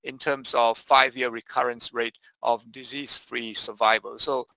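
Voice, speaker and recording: Bright-voiced man giving a medical lecture. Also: mid-range voice, flat delivery, creaky, no room sound, low-quality recording. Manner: measured, with frequent "uh" fillers. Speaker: anesthesiologist lecturer. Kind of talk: medical presentation.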